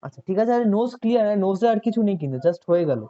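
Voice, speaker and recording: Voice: medium pitch, animated, racing, mellow. A tutor giving a chatty online coaching lesson, often asking students questions and checking if they follow. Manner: chatty, asks students questions and repeats "ঠিক আছে". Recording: dull lo-fi audio.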